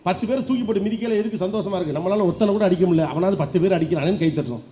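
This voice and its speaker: Middle-aged male speaker, quick and high, lively rhetorical delivery to an audience; muffled recording with a little background noise. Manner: lively, rhetorical questions, acts out voices. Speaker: public speaker. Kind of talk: motivational speech to an audience. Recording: dull lo-fi sound with faint background noise.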